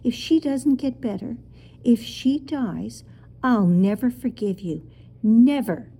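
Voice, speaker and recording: A fierce, emotional young boy in a children's tale, played by a woman reading aloud. He speaks with indignant intensity, his mellow voice rising and falling widely. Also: medium pitch, animated, normal speed, slightly rough. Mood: choked up. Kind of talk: children's storybook character reading.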